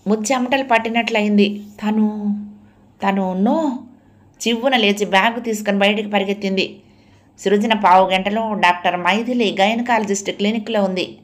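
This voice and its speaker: A woman reads a novel aloud in a measured, expressive storytelling voice. Her pitch sits in the middle range, neither high nor low. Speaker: audio novel narrator. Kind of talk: scripted narration of a novel.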